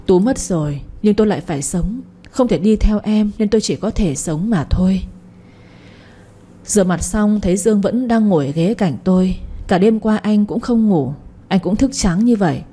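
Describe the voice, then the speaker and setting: Mellow, husky female storyteller. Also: medium pitch. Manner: heartfelt, sorrowful delivery. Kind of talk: emotional first-person audiobook narration.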